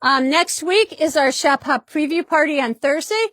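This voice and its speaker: A woman shows products in a fabric shop in a casual, chatty way. Her voice sits somewhat high and sounds upbeat, and she tends to repeat herself. The sound is dry and close. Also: animated, normal speed, a bit bright, no echo.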